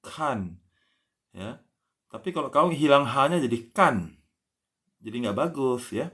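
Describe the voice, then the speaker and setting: On a casual live stream, a man teaches language, patiently stretching out example words and spelling them letter by letter. His mid-range voice is animated yet slow, and a soft "ya" ends nearly every phrase.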